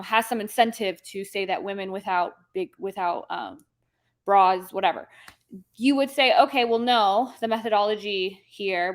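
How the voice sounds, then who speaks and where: A woman hosting her own podcast, explaining ideas in a casual, chatty way, often restarting and correcting herself as she goes. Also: medium pitch. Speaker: podcast host.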